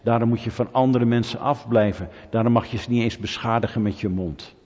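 A man preaching to his congregation, throwing rhetorical questions at the room and teasing people in the pews. His voice sounds slightly husky and rings out with a long reverb through a church hall. The sound is dull and muffled. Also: mid-range voice, brisk. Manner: lively, rhetorical, asks the audience questions, jokes with them. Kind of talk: sermon.

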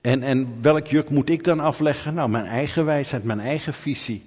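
A middle-aged man preaching a conversational sermon, asking rhetorical questions and building to animated emphasis. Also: mid-range voice, moderate pace, breathy edge. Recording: dull hall reverb.

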